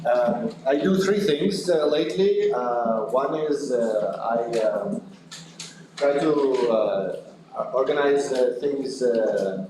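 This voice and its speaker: A man's voice: medium pitch, slow. A man originally from Ukraine giving a university physics lecture, talking hesitantly with many fillers. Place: lecture room. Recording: very echoey lecture hall, faint noise.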